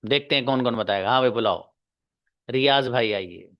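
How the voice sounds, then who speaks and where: A male teacher giving an online English grammar class, patiently repeating key slowly and calling on pupils one by one. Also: mid-range voice, muffled recording.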